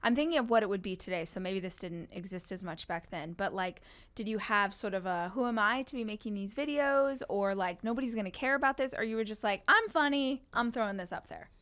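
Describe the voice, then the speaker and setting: A woman of ordinary pitch hosts a relaxed interview on a living-room style set. She talks in an earnest, conversational way and acts out other people's reactions as she tells stories. A boom mic sits close to her. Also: fairly quick, hardly any pauses. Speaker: podcast host. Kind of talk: casual interview chat. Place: bright living-room studio set, indoors. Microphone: studio boom mic.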